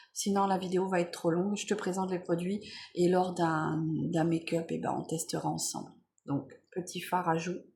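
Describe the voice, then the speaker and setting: Unboxing beauty products, a woman vlogger talks casually and relaxed, her medium-pitched voice dotted with fillers and self-corrections. A little hiss or hum can be heard.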